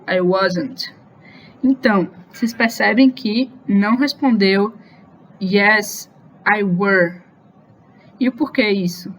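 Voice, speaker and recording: Woman, teacher, patient and careful, slows down on example phrases, medium pitch, faint noise in the background. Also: a bit bright, rough recording. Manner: slow, patient explanations with frequent checks for questions. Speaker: English teacher. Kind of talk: online grammar lesson.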